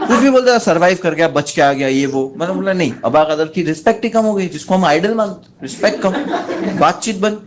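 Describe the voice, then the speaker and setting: A man doing standup, telling a long comic story and putting on high voices for the people in it. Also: brisk. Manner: animated, jumps into high voices for friends in the story. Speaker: standup comedian.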